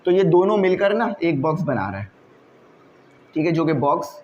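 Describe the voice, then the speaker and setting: A man teaching an English vocabulary lesson, who explains each word slowly, checks in with "okay" and puts questions to the class. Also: on the high side, very animated, darkish tone, lo-fi sound, a little hiss or hum.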